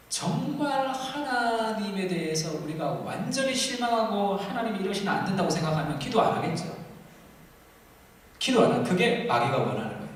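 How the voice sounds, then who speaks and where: High-voiced preacher in an echoey hall. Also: male voice, distant mic, a little hiss or hum. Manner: impassioned, acts out quoted prayers loudly. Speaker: pastor. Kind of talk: sermon. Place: church sanctuary.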